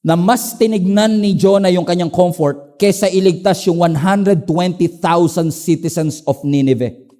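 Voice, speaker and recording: Middle-aged male Filipino pastor, high-pitched, animated sermon storyteller with dramatic swings in emphasis. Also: unhurried. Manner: animated storytelling, swings between emphatic highs and low asides. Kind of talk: preaching a sermon in Taglish.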